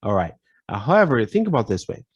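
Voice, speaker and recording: A man teaching a casual English vocabulary lesson, repeating phrases and filling pauses with "you know". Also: mid-range voice, sing-song, husky, no echo, lo-fi sound.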